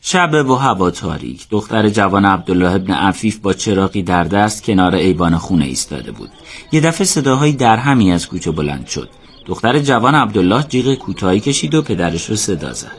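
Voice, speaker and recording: A man narrating a radio drama in a steady, measured storytelling voice. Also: sits low, breathy edge.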